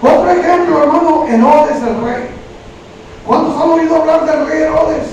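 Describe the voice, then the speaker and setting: A man's voice: very high-pitched, moderate pace, darkish tone. A man preaching a sermon, calling listeners brother over and over as he retells Bible stories. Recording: very echoey room, from far off, faint noise.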